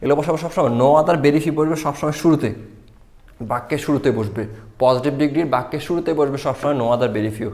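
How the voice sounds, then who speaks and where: Fast-talking male grammar teacher. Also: fairly high pitch, darkish tone. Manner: repetitive explaining, asks and answers own questions. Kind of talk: English grammar lesson.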